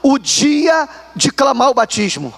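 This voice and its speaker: A Brazilian man preaching with a strikingly high voice for a man. He tells his story animatedly, speaking straight to the listeners as brothers. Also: very animated, measured pace, gravelly, a bit bright. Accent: Brazilian Portuguese. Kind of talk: sermon testimony.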